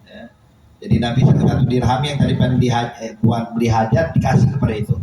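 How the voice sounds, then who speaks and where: A man's voice: medium pitch, steady tone, fast talker. A man preaching a sermon, telling a story and acting out its dialogue with animation. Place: mosque or study hall. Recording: echoey hall, distant mic, noise.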